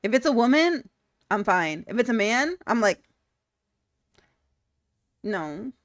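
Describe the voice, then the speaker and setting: A woman's voice: on the high side, big pitch swings, moderate pace, no echo, clean studio sound. A young woman streaming live, chatting candidly with her viewers, blunt and laughing often. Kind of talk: casual chat reading viewer comments.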